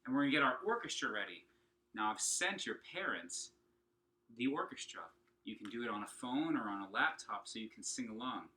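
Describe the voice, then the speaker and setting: At home, a children's singing and opera teacher gives kids an upbeat, encouraging lesson, speaking straight to them and asking questions along the way. His voice is medium-pitched, animated and fairly quick, with a sharp tone. The recording is rough.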